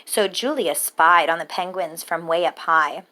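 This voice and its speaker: A female storyteller with a fairly low voice reads a children's picture book aloud for young listeners, using measured, rhythmic and expressive phrasing.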